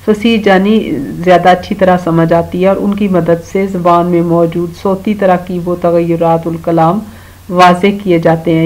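A woman from Pakistan giving a slow, patient online grammar lesson to children, talking to them directly and reciting verses now and then. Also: fairly low pitch, poor audio. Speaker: teacher.

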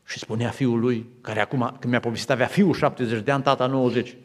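A man's voice: mid-range voice, steady tone. A man from Romania preaching a sermon to his congregation, telling stories and quoting others. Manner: storytelling with acted quotes, building to fervent appeals. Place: large church hall. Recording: reverberant church hall.

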